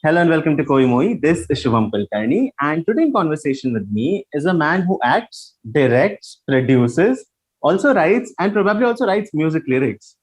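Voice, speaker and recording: Male interview host, Indian accent, high voice, very animated intonation, conversational. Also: moderate pace, poor audio.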